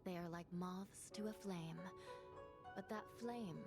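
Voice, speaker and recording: An actress voicing a calm, composed female court clerk in a game who explains things in a measured, formal way. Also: fairly low pitch. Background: game music.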